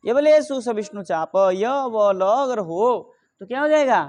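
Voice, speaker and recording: A middle-aged man teaching Sanskrit grammar, asking questions and answering them himself, reciting the rules slowly. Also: sits high, animated, darkish tone. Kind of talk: explaining grammar rules in a lesson.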